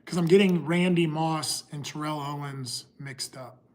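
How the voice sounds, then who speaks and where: Man chatting on a livestream, halting. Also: fairly high pitch. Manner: halting, restarts often, talks to chat. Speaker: livestream host. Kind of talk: casual livestream chat.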